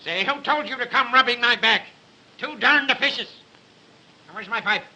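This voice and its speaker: An actor playing an irritable, insulting crime-story writer in an early 1930s film. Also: male voice, very high voice, moderate pace, sharp tone, full character voice, low-quality recording. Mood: grumpy. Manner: barking, insulting, impatient.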